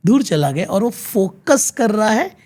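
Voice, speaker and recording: An Indian man speaks as an interview guest, explaining ideas in an earnest, teacherly way. His voice is husky and mellow, and his pitch rises and falls a great deal. He switches freely between Hindi and English. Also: big pitch swings, a little slow.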